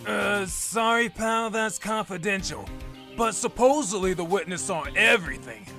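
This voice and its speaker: Casting: male actor as gruff, loyal, hot-headed detective, very high-pitched and swooping, blustering slang, game-based audio drama. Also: expressive, moderate pace, pushed and bright, faint music behind, exaggerated voice. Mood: puzzled, earnest. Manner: blustering, slangy, ends remarks with "pal". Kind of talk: fan audio drama acting of a video game story.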